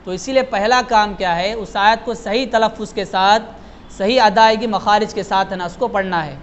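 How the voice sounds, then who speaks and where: A man teaching Quran recitation to a class, explaining patiently and modeling each phrase slowly, often adding "hai na" to his sentences. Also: high voice, steady tone, clean tone. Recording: dull lo-fi sound with faint noise.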